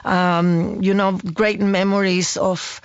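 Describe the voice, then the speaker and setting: Lady in her 60s, slow halting english, dry dull sound. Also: mid-range voice, flat delivery, clear, resonant tone, dry recording. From Chile. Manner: halting, searching for words. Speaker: guest. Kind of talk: casual interview talk.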